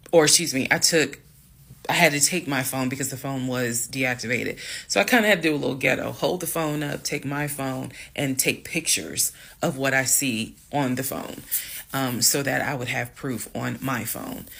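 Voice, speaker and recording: A woman's voice: extremely low pitch, gravelly. A woman telling her own story to her viewers in a casual, blunt, matter-of-fact way, swearing now and then. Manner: calm, matter-of-fact retelling. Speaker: storytime vlogger.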